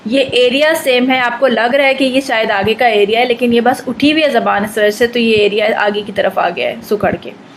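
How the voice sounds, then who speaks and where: A woman teaching a recitation lesson, explaining patiently and drawing out model syllables slowly. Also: fairly high pitch, a little hiss or hum, rough recording.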